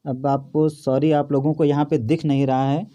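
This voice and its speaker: A man's voice: on the high side, flat delivery, normal speed, warm tone. Man teaching, repeating each answer. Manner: repeats questions and answers them himself. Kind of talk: exam-prep grammar lesson. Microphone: phone or camera over a notebook.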